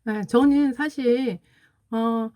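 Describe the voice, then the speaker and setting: A woman's voice: on the high side, fairly even intonation, very slow, dark tone. A woman in her forties hosting a casual livestream, telling an emotional personal story in an earnest way and greeting viewers as they join. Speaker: livestream host.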